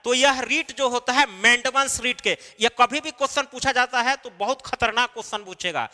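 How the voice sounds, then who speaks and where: A man's voice: extremely high pitch, moderate pace, sharp tone, big-room sound. A man teaching an exam-preparation class, explaining step by step and answering his own questions. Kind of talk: recorded lecture.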